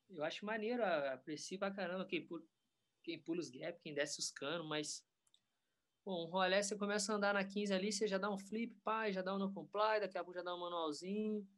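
Laid-back skater, slangy and rambling. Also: male voice, high-pitched, fairly quick. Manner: relaxed, rambling, lots of slang. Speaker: pro skateboarder guest. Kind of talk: casual interview chat.

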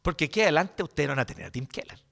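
A Chilean-accented male pastor preaches a sermon in a casual, joking, colloquial way. His voice sits high for a man and has a bright, ringing tone. His pitch swings widely as he talks. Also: animated, very fast, gravelly.

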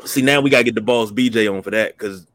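A man's voice: fairly low pitch, fast talker, a bit bright, dry recording, studio quality. A man hosting a podcast, chatting casually in a folksy, jokey storytelling way. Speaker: podcast host. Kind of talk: casual chat.

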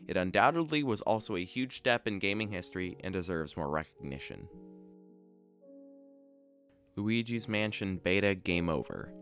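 A man's voice: low voice, fairly bright tone. A man hosting a podcast, reading scripted explainer narration about video game trivia in a dry, matter-of-fact way. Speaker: podcast host.

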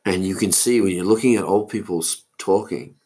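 A man's voice: deep voice, a little fast, warm tone. A man in his forties, hosting a solo podcast and musing aloud in a meandering way, often losing his thread. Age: 40s. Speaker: podcast host. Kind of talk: solo rambling monologue.

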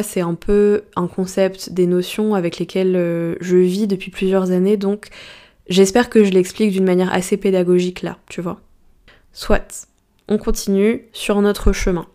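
Woman podcast host and coach, mellow warm tone, informal and slangy, speaks straight to the listener. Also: mid-range voice. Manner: chatty, slangy, addresses the listener directly; asks reflective coaching questions. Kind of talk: casual solo podcast talk.

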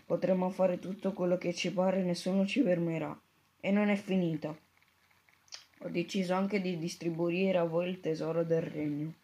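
A reader voicing a boastful boy who proclaims himself king, rallying the crowd loudly. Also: mid-range voice, little pitch movement, normal speed, lightly acted. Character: boastful boy crowned self-made king.

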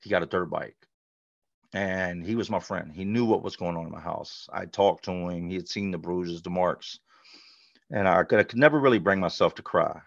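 Middle-aged man, deep gravelly voice, blunt conversational storyteller; dull, dry lo-fi sound. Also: normal speed, no echo. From North Carolina, USA. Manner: blunt, conversational, frequent "like" and "you know". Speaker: podcast guest. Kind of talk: candid personal storytelling.

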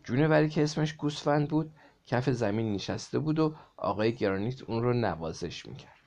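A man reads a children's story aloud in a lively way. He stops now and then to explain a word to his young listener, and his voice sits at a middle pitch. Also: gravelly.

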